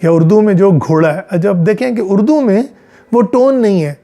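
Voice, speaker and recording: A man with a Pakistani Punjabi accent delivers a measured psychology lecture, slipping in English phrases as he explains. His voice sits high for a man but sounds dark and mellow. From central Punjab, Pakistan.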